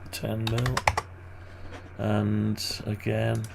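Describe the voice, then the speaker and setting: Slow, gravelly-voiced man thinking aloud. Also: on the low side, monotone, slight background noise. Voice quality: very gravelly with vocal fry. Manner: hesitant, thinking out loud. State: groggy morning voice, clearing throat. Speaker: maker narrating a design tutorial. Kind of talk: casual think-aloud screen commentary.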